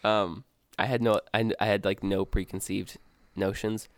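Creaky young man, rambling podcast chat. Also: lowish voice, little pitch movement, normal speed, dry recording. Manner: loose and chatty, calls his co-host dude, often restarts his sentences. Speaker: podcast co-host. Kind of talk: casual chat.

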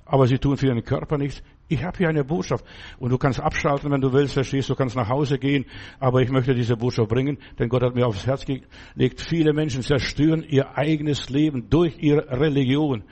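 A man's voice: medium pitch, fairly even intonation, brisk, a little mellow. An older man preaching an informal sermon, emphatic and conversational, often turning to the listener with a question. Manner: emphatic, conversational, repeats "verstehst du".

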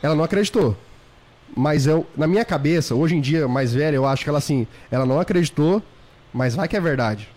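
A man's voice: fairly high pitch, fast talker. A young man, a podcast guest, telling a funny story in casual chat, acting out voices and laughing as he goes. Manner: animated, acts out voices and shouts in his stories; laughs often while telling.

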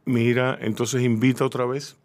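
A man's voice: medium pitch, little pitch movement, normal speed, a little mellow. A man hosting a radio interview, joking and cutting in often. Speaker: radio host.

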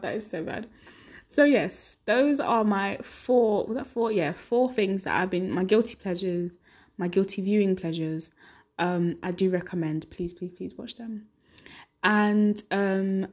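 A woman's voice: mid-range voice, darkish tone. A young adult woman hosting a solo podcast, chatting casually and rambling, often laughing at herself. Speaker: podcast host.

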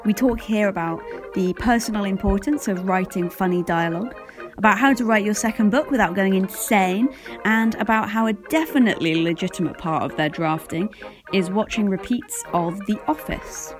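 A woman's voice: mid-range voice, normal speed, music in the background. A woman who edits books, hosting a podcast with an upbeat, emphatic delivery. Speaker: podcast host and book editor. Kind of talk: scripted intro, then casual interview.

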